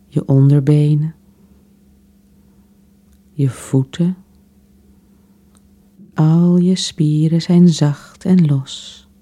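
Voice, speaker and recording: A woman softly guiding a relaxation exercise in a soothing, unhurried way, with long pauses between phrases. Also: low-pitched, steady tone. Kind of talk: guided relaxation meditation.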